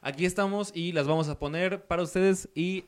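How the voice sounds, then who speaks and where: A young man with a Mexican accent and a fairly high voice hosts a casual panel. He keeps things loose and fills gaps with hesitation words. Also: fairly quick, clean tone. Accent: Mexican Spanish. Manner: loose, filler-heavy hosting. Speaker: show host.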